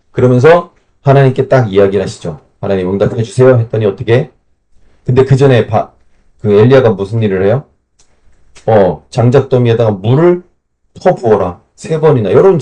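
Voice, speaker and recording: A man leads a Bible camp lesson in a warm, mellow voice at an ordinary pitch. He retells the stories in loose, everyday speech. He keeps turning to his class with questions. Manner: lively colloquial storytelling with questions to the class. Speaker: Bible teacher.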